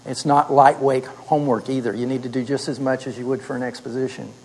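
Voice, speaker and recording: A man's voice: medium pitch, steady tone, fast, darkish tone, poor audio. A man teaching a class. He walks the students through a story by putting questions to them and often answering them himself, in a plain mid-range voice. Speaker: instructor.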